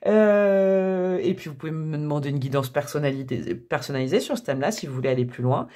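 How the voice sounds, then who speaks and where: A woman's voice: low voice, lively intonation, fairly quick. Chatty woman reading tarot. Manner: chatty, warm-hearted, laughs often, thinks aloud with many fillers. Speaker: tarot reader. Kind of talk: casual tarot reading to camera.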